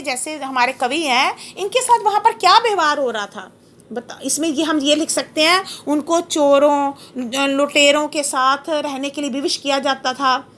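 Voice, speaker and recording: A woman teacher explaining a poem to her class, asking questions, reciting lines slowly and telling students what to note down. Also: high-pitched. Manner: lively, questioning, recites verse slowly, dictates notes.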